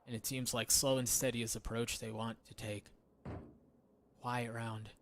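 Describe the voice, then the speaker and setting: A man giving live esports play-by-play as a caster, in a delivery built for excited calls. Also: medium pitch, normal speed, a little hiss or hum. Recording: game gunfire and clicks behind voice.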